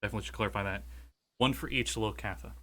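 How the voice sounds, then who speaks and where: A man speaking as game master, narrating a tabletop role-playing game in an informal, halting way. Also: lowish voice, steady tone, fairly bright tone.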